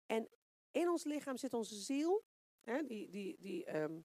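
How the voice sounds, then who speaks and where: A woman preacher with a fairly high voice gives a loose, conversational sermon. She asks her listeners rhetorical questions and hunts for words out loud with plenty of fillers. The sound is dry and close, with no room echo. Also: big pitch swings, slow pace. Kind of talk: informal sermon.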